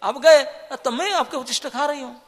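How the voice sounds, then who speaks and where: A man's voice: very high-pitched, moderate pace, big-room sound, voice pushed up. A man voicing an earnest young wife who insists and pleads as she explains herself. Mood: explaining.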